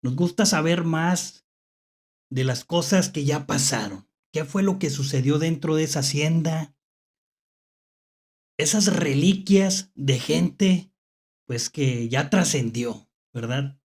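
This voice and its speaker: Taking it slowly in a medium-pitched voice with a darkish tone, a horror host with a Mexican accent tells spooky tales without a script, hesitantly repeating phrases and checking in with rhetorical questions.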